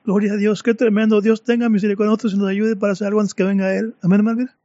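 A man's voice: high-pitched, little pitch movement, very fast, mellow, dry recording. A man preaching a fervent sermon, repeatedly calling out to his brothers and sisters. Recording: dry, dull lo-fi recording.

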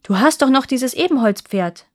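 A woman's voice: sits high, lively intonation, normal speed, no echo, clean studio sound, voice pushed up. A woman voicing a young male prince, eager and devoted, who speaks urgently and gives commands in a read-aloud fairy tale.

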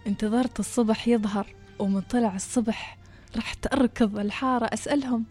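A woman narrating a story, acting out the people in it with lively shifts of voice. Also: a little high, fairly quick, soft background music. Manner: animated, acts out villagers' voices.

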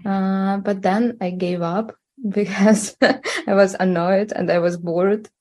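Woman from Russia, mellow voice, casual interview, hesitant, fillers. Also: medium pitch, fairly even intonation, slow pace. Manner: hesitant, many fillers and restarts. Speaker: interview guest.

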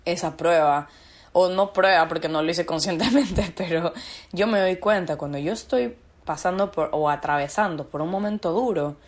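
Woman, podcast guest, fairly low voice, earnest, searching, repeats words for emphasis. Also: normal speed. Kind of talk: reflective personal conversation.

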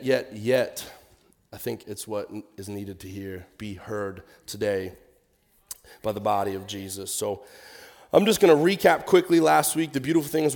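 A man's voice: mid-range voice, creaky, a little mellow. A man preaching a conversational sermon in a nasal, crackly voice, informal and emphatic, repeating key words and reading scripture.

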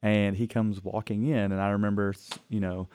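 A man's voice: on the low side, moderate pace, clear, resonant tone. A man hosting a casual chat, telling stories animatedly and acting out what people said. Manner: animated storyteller acting out quotes.

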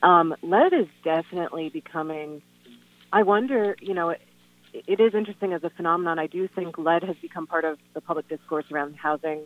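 A woman speaking over the phone as a guest on a call-in radio show, earnest and halting, with lots of "um" and "you know". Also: fairly low pitch, no room sound. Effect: heard over the phone. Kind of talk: casual radio phone interview. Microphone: telephone. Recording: tinny, dry phone line.

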